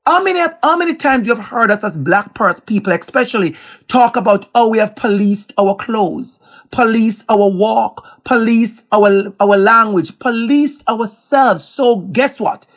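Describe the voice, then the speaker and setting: A woman's voice: on the high side, unhurried. A woman with a Jamaican accent, an equity educator answering as a guest, speaking emphatically and repeating key lines for effect. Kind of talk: impassioned interview answer.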